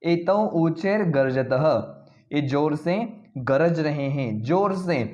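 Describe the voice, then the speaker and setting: Slow, patient male Sanskrit teacher. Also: a little high, darkish tone. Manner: reads each Sanskrit word slowly, then explains it in Hindi. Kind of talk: classroom lesson explaining word by word.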